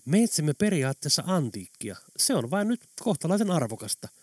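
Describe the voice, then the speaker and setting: A man's voice: on the high side, very animated, a little mellow, slightly rough, no room sound, pitched above the performer's own voice. A man voicing a scheming male antiques dealer who talks in a wry, conspiratorial way.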